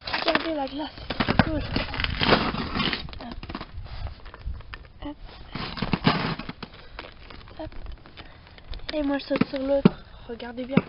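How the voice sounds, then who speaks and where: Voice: high-pitched, fairly even intonation, takes it slowly, long pauses. A young girl voicing her toy figures as they play on ice outside, playful, swearing and crying out in pain. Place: outdoors on ice in winter. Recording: dull sound, loud outdoor noise.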